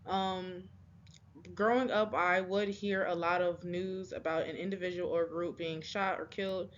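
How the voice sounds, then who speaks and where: A young woman giving a persuasive class speech, halting, with many ums, restarts and quick apologies. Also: lowish voice, fairly even intonation, dull audio.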